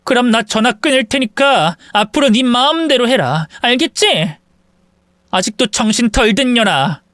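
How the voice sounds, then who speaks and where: A woman's voice: a little high, lively intonation, moderate pace, no echo, clean studio sound. A woman voicing a betrayed young woman who bluntly and angrily insults her former friend over the phone in a drama story. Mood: scornful. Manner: sharp, accusing, harsh insults. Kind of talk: acted phone quarrel in a story video.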